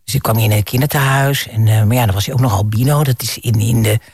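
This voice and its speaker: A man hosting a casual chat about songs, telling stories with many pauses and restarts. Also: medium pitch, darkish tone, slightly rough, no echo, studio quality. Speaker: radio host.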